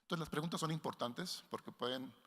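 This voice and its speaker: A man giving a workshop lecture to researchers in a measured way, often restarting phrases and linking ideas with "entonces". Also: fairly high pitch, fairly bright tone. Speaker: workshop instructor. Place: conference hall. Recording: long hall reverb.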